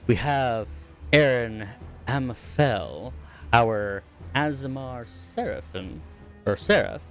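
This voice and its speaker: A man's voice: medium pitch, animated, takes it slowly, soft background music. A man running a tabletop game, recapping the last session in a rambling, self-correcting way. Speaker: game master.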